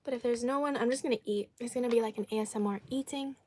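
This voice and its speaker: A woman's voice: fairly high pitch, fast talker, darkish tone, slight background noise. A woman live streaming an eating show, chatting casually and answering viewers while chewing and talking with food in her mouth.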